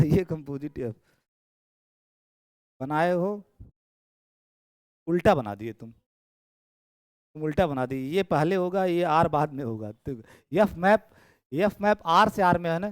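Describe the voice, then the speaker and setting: एक पुरुष गणित शिक्षक कक्षा में पढ़ा रहे हैं, बातें दोहराते हुए और छात्रों की कॉपियाँ जाँचते हुए।. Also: male voice, a little high, no room sound. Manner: chatty, repeats phrases, checks students' work aloud. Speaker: maths teacher. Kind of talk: classroom lecture. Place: classroom. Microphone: camera in room.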